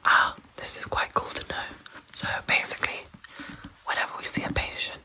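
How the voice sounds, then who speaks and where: Someone reading aloud for ASMR in a breathy, unvoiced whisper, softly repeating words and phrases and adding casual asides. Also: normal speed. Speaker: ASMR host reading a medical handbook aloud.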